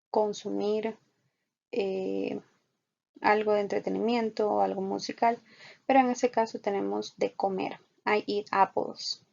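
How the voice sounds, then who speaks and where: A woman teaching an online English lesson, explaining patiently and repeating example sentences slowly. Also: mid-range voice, gravelly, a little mellow. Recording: dull lo-fi recording.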